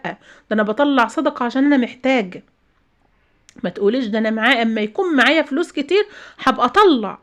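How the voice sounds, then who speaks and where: A woman with an Egyptian accent hosting her own channel, giving emphatic, preachy advice to viewers in a casual way and often repeating her phrases. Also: sits high. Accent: Egyptian Arabic. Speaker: channel host.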